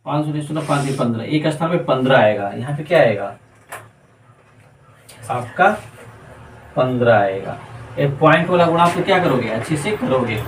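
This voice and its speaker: A man's voice: mid-range voice, animated, moderate pace, long pauses, roomy sound, distant mic, a little hiss or hum, poor audio. A man teaching a math lesson step by step, counting aloud and answering his own questions as he works.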